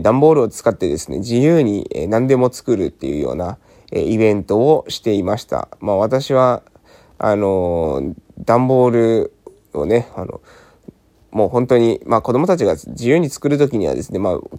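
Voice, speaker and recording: A man hosting a solo morning talk show, hoarse from just having woken up, speaking politely with many hesitant fillers. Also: on the low side, mellow. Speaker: podcast host.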